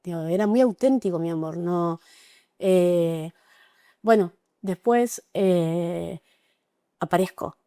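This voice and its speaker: A middle-aged Argentine woman giving an emotional, halting personal account as an interview guest, with frequent restarts. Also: lowish voice, warm tone, no room sound, studio quality. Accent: Argentine Spanish. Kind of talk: personal testimony in conversation.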